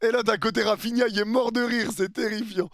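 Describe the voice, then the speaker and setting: A man's voice: high-pitched, fairly even intonation, brisk, fairly bright tone, dry recording, clean studio sound. A man reacting live to a football vlog, commenting and swearing at what he sees. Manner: commenting and laughing at the video, swearing.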